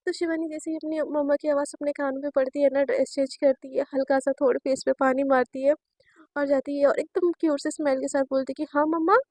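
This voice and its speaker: A woman telling a serialized romance story in a chatty, casual manner, slipping in English words and asides to listeners. Her voice is high and sits close and dry to the mic. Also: flat delivery, quick pace, warm tone, no room sound.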